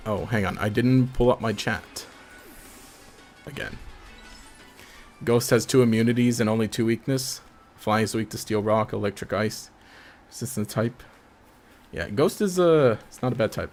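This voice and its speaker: A man's voice: fairly low pitch, measured pace, pauses often, faint music behind. A man casually commenting on his own gameplay during a live stream, rambling, laughing often and trailing off mid-sentence.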